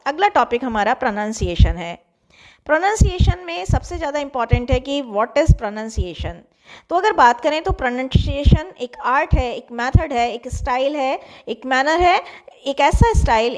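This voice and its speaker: A woman lecturer teaching a class, mixing Hindi with slowly read English lines and repeating each definition in several ways. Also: high-pitched, a little mellow.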